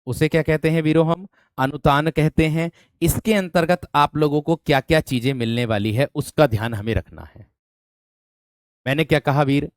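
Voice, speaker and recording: A man's voice: a little high, clean tone, dry recording. A male teacher running an online exam-prep class, calling students "my friend" and repeating questions to drill them. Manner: addresses students as "my friend", asks for thumbs up.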